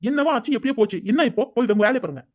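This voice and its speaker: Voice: medium pitch, lively intonation, rapid-fire, close to an everyday voice. A voice actor playing a moody, lovesick young man in a cartoon, speaking in a sullen, snapping manner. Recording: dull lo-fi recording.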